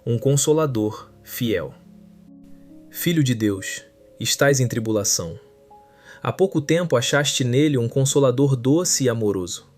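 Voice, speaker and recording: A man narrating a translated sermon in a solemn, measured preaching manner. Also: mid-range voice, expressive, darkish tone, soft background music. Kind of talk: scripted sermon reading.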